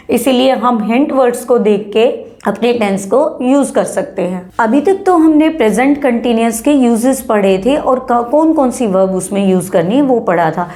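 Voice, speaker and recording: A woman's voice: a little high, dark tone. Woman teaching grammar, listing words patiently. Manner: explains patiently, lists words one by one, asks rhetorical questions; mixes Hindi explanation with English terms and examples. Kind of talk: classroom-style grammar lesson.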